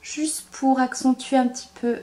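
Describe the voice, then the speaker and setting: A young woman talking through a makeup tutorial, enthusiastic, repeating words for emphasis and pausing with frequent hesitations. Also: high-pitched, fairly even intonation, mellow. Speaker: beauty vlogger.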